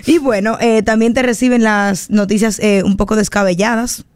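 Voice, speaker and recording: A Dominican woman politician, a guest on a radio talk show, speaking in a lively way and repeating herself for emphasis. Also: mid-range voice, moderate pace, smooth, no echo. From Dominican Republic. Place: radio studio booth.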